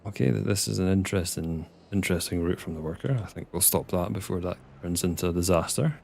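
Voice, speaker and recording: A young Scottish man streams a farming game, chatting casually with viewers, reading chat aloud and muttering at the game. His voice is low, quick and creaky, a little mellow, with slight background noise behind it.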